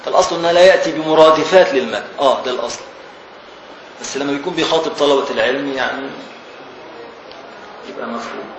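A man's voice: mid-range voice, fast talker, long pauses, muffled recording. Egyptian male teacher, questioning style, distant mic in a reverberant lecture room. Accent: Egyptian Arabic. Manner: questions and teases students while explaining. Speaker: teacher of Islamic law texts. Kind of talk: classroom text commentary. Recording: very echoey, distant from the mic, faint hiss.

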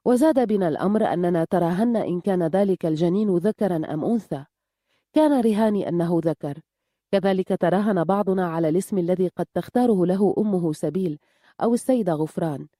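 A woman with a low, mellow voice reads an audiobook in a calm, measured way. The sound is close and dry, with no room around it. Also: no echo. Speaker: audiobook narrator. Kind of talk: audiobook narration.

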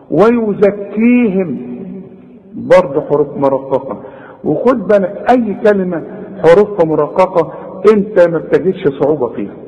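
A man with an Egyptian Arabic accent teaching Quran recitation, modeling words slowly and coaxing the learner. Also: high-pitched, in a large hall, dull audio. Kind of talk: tajweed lesson, recitation with explanation.

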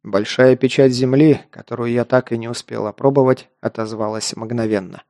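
A man narrating a first-person fantasy action audiobook, steady storytelling that lifts into louder voiced dialogue. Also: mid-range voice, moderate pace, no room sound, clean studio sound.

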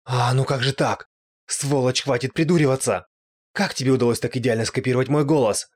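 A man's voice: medium pitch, a little fast, natural voice. A man voicing a gloating, spiteful male ghost in an audiobook, with a raised, strained, taunting voice. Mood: angry.

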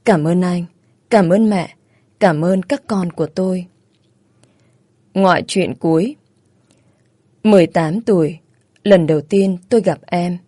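A woman with a low voice narrates a first-person romance story, steady and plain in her telling. The recording is dry and close with no room sound. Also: no room sound.

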